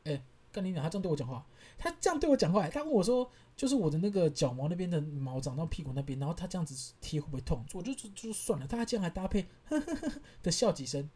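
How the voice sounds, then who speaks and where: A man in his thirties with a Taiwanese Mandarin accent, hosting a podcast and telling stories in an animated, exasperated way, laughing as he goes. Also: on the high side, fast talker, few pauses, breathy edge. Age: 30s. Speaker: podcast host. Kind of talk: casual storytelling monologue.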